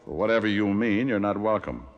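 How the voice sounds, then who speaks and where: A man's voice: lowish voice, fairly quick, muffled recording, lightly acted. An actor playing a wisecracking, hard-boiled male private detective in 1940s radio style, wry and sardonic. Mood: mocking.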